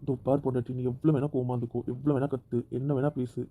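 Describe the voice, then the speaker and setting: A man's voice: mid-range voice, little pitch movement, very fast, mellow, close to an everyday voice. A man playing a possessive, hot-tempered young husband who keeps demanding that his wife come back to their room, in an amateur audio drama. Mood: insistent. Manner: insistent, stubborn, repeats his demands.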